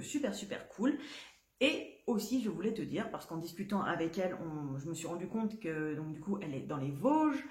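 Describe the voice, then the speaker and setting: A woman's voice: medium pitch, darkish tone. A woman hosting a knitting podcast, talking casually to the viewer with many fillers and small laughs. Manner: chatty, many fillers and restarts, laughs easily. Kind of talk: casual chat to camera. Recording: roomy echo.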